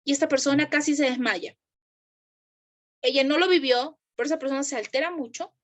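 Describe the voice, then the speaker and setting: A woman's voice: high voice, brisk. A woman speaking to a live group about parenting, asking the audience questions and acting out the voices she quotes. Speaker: parenting educator.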